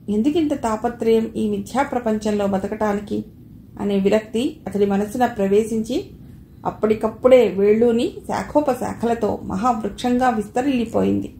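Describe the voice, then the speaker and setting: A woman narrating an audio novel with steady scripted storytelling. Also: on the high side, gravelly. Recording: echoey room with faint noise.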